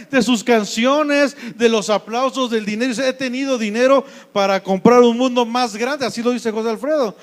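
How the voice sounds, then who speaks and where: Male pastor, Mexico City Spanish accent, very high voice, chatty sermon with questions to the congregation. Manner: conversational preaching, asks the congregation questions. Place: church.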